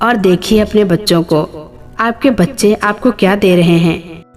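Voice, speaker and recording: A woman's voice: mid-range voice, a little slow, darkish tone, soft background music, close to an everyday voice. A woman voicing an indignant grown daughter who scolds her brothers. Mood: pleading.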